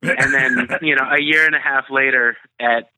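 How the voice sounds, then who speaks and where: A man's voice: medium pitch, fairly even intonation, normal speed, bright, forceful tone, no echo, low-quality recording. A young man, a guest actor, telling stories with a laugh in casual podcast chat. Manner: laughing storyteller, self-deprecating.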